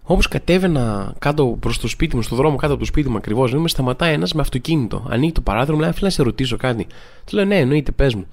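A man's voice: medium pitch, lively intonation, gravelly. A man hosting a podcast, telling comic everyday stories and mimicking people in a raised voice. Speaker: podcast host. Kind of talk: comedic monologue.

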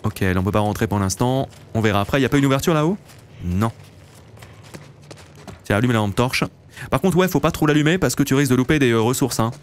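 A man's voice: medium pitch, expressive, fast talker, long pauses, a little hiss or hum. A man in his late twenties, hosting a let's play and chatting casually to viewers while he plays. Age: late 20s. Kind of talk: casual gameplay commentary.

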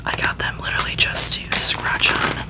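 A woman's voice: normal speed, loud music behind the voice. Woman in her twenties, American accent, whispered ASMR, casual chat, close microphone. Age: 20s. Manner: whispering throughout. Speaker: ASMR video creator. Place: bedroom, indoors. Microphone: close microphone resting on the bed.

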